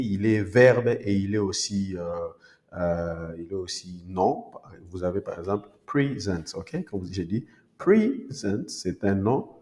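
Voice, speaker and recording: A man with a low, mellow voice gives a pronunciation lesson. He explains step by step and keeps checking in with his listeners. He says each example word aloud several times, and his voice trails off in a long reverb. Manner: explains slowly, often checks with "ok?"; repeats model words aloud for practice. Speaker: English teacher. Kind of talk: spoken lesson.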